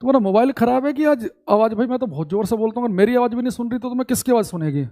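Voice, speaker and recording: A male teacher giving a live online class, repeating key points slowly for students to write down and calling them brother. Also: very high voice, expressive, warm tone. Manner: scolding and exasperated about audio complaints.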